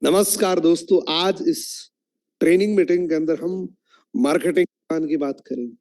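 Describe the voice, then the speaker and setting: Mellow-voiced Hindi-speaking man leading a training session. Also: on the high side, moderate pace. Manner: instructive, asks the audience questions. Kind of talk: online training lesson.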